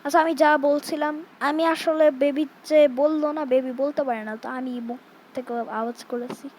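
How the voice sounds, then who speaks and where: A young Bangladeshi woman streams a horror game, giving jumpy, chatty commentary and talking back to the game, even scolding it with "baby." Her voice sits high and a little mellow, with fairly even intonation and a moderate pace, on a rough recording with some hiss or hum.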